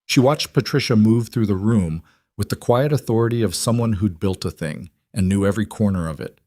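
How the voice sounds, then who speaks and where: A man reading a scripted story aloud in a calm, even narrating voice. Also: fairly low pitch, a little fast, no room sound, clean studio sound.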